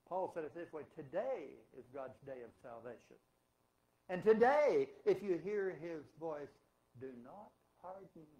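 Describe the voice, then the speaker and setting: A man's voice: sits high, darkish tone, rough recording. A man preaching a sermon as pastor in a church, emphatic and asking rhetorical questions. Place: church sanctuary.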